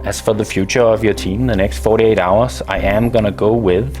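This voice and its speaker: A man acting as judge, giving his verdict in a measured, drawn-out way with long pauses. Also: lowish voice, steady tone, a little mellow, soft background music. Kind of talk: deliberate verdict.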